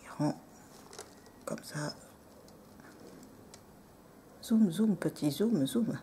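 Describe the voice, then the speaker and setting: A woman casually showing off nail polish on camera, soft-spoken and apologetic, often dropping into near-whispers. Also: lowish voice, animated, drawn-out words, slight background noise. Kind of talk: casual show-and-tell.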